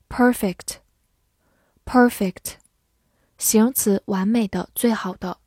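A woman teaching a vocabulary lesson in an unhurried, deliberate way, spelling out each word with care. Her voice is mellow and dark, recorded close and dry with no room sound. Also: mid-range voice, husky, no echo. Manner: slow, careful word-by-word reading. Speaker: English teacher.

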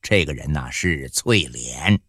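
A man narrating an audiobook in a colloquial, animated storytelling manner. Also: a bass voice, slow pace, slightly rough, dry recording, clean studio sound.

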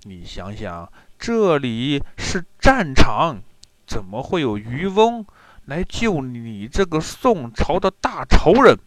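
A man's voice: medium pitch, sing-song, slow pace, dry recording. A man voicing a sly young fisherman hero who teases and boasts, in a children's story telling. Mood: triumphant. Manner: teasing, boastful.

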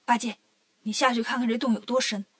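A woman voicing a cheeky, clever male monkey king in a storybook reading, talking in a brisk, joking way. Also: a little high, steady tone, lightly acted.

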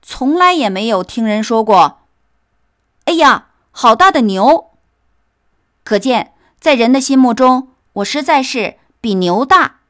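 A woman voicing a boastful, sly little male rat in a storybook tale, smug and high-voiced. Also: expressive, measured pace, a bit bright, dry recording, studio quality.

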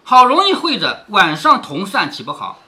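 A tender young nobleman pleads with a departing friend, read by a man in a storytelling reading. The voice sits high and bright and leans earnest. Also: wildly swooping pitch, moderate pace, heavily acted. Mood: pleading.

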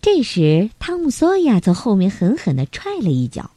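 A woman narrating a bedtime story for children in a gentle, storytelling way. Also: medium pitch, wildly swooping pitch, normal speed, no echo.

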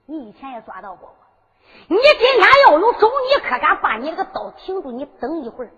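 A bold, defiant young prince speaks with a Henan accent, goading his captor with emphatic storyteller's punch, as a woman puts him on. The voice sits high and swings widely in pitch. It comes through a dull recording with a long hall reverb. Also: sing-song, fairly quick, crowd noise. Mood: taunting. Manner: taunting, emphatic storyteller delivery.

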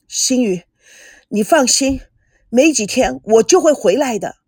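A woman reading a story aloud, voicing a heartbroken, earnest young groom who is leaving for the army. Her voice is husky and breathy. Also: on the high side, lively intonation, a little slow, a little mellow, no echo, studio quality, voice pushed up, full character voice. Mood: pleading.

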